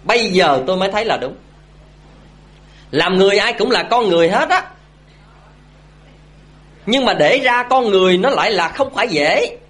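A man's voice: high voice, expressive, normal speed, long pauses, fairly bright tone. A man giving a Buddhist dharma talk, telling a story and asking his audience questions. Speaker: Buddhist speaker.

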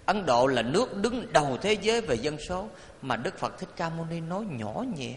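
Animated monk preaching in a hall. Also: male voice, high-pitched. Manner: animated, playful, addresses audience often, leads chanting. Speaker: Buddhist monk giving a dharma talk. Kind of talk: sermon. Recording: reverberant hall, faint ambience.

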